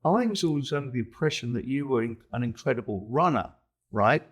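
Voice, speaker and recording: A man asking interview questions in a conversational, measured way. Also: mid-range voice, expressive, slightly rough.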